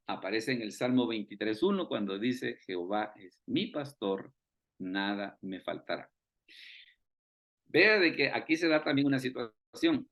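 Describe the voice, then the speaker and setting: A man's voice: medium pitch, fairly bright tone. Man teaching, full of rhetorical questions. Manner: keeps asking rhetorical questions and repeating phrases. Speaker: Bible study teacher. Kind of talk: online Bible study lesson. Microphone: video call.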